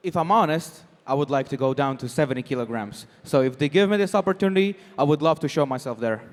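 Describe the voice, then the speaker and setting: A man's voice: a little high, animated, quick pace. A man interpreting live for an athlete in a post-match interview. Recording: long hall reverb.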